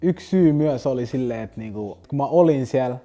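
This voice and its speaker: A man's voice: mid-range voice, animated, dark tone, soft background music. A young man, a rapper telling stories in a loose, rambling interview. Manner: loose, rambling slang-heavy telling with restarts. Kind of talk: casual storytelling interview.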